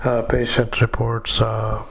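A male doctor dictating notes into a dictaphone at a retirement community, halting with frequent fillers and reading punctuation aloud. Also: mid-range voice, monotone, vocal fry, noisy background. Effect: dictaphone recording. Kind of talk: medical dictation.

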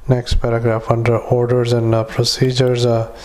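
A doctor dictating notes into a dictaphone recording in a halting, flat manner, with many filler pauses, spelling words out and saying punctuation aloud. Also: male voice, mid-range voice, background noise. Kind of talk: medical dictation.

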